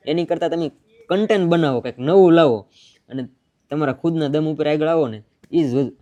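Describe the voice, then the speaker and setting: A man's voice: a little high, a little fast, warm tone, lo-fi sound. Blunt man giving advice. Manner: blunt, preachy, matter-of-fact. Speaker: vlogger. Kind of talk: casual advice chat.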